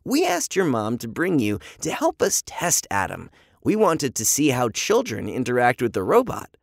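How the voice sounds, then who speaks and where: A storyteller voicing a calm, reassuring woman scientist who explains things patiently. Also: extremely low pitch, moderate pace, creaky, no room sound, studio quality, heavily acted.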